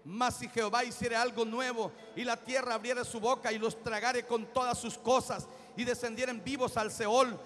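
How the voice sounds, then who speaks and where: A man preaching a sermon as pastor, reading scripture and breaking into shouted exhortations. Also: very high voice. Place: church. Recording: hall reverb with faint music.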